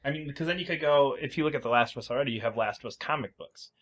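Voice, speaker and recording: A podcast co-host with a medium-pitched, slightly bright voice talks very fast. He argues his opinions in a casual, conversational way, coming across as opinionated and argumentative.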